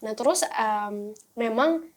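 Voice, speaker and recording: A young woman, an actress guest on a podcast, telling a story in lively casual chat. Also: fairly high pitch, slow, slight background noise. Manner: lively storytelling, acting out quoted voices.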